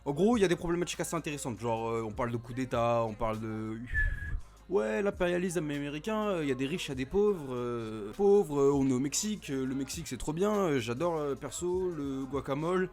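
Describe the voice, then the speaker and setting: A young man in his twenties rambles through a film review at mid pitch, tossing in slang and crude swearing between hesitations. He talks into a desk mic at home. Soft music plays faintly behind him. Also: lively intonation, quick pace, few pauses. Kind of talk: casual comedic film review. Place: at home, recording with streaming software. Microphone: desk microphone.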